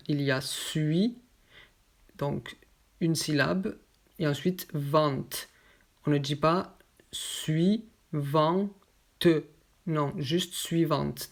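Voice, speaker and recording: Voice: mid-range voice, darkish tone. A French teacher giving a pronunciation lesson, carefully enunciating and repeating example words one by one.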